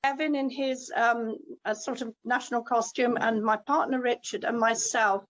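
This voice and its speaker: A woman's voice: on the high side, fairly even intonation, moderate pace. A middle-aged woman giving a casual, anecdotal testimonial as a host, chatty and digressive. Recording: muffled lo-fi call audio.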